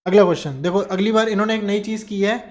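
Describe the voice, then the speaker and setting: A man's voice: high-pitched, fast. Male teacher quizzing his class. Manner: asks questions and answers them himself; mixes Hindi with English terms. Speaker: commerce teacher. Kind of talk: classroom lecture.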